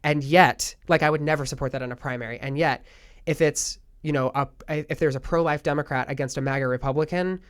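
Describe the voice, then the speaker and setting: A young man in casual political talk, earnest and reflective, thinking out loud. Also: fairly high pitch, clear, resonant tone. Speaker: podcast host.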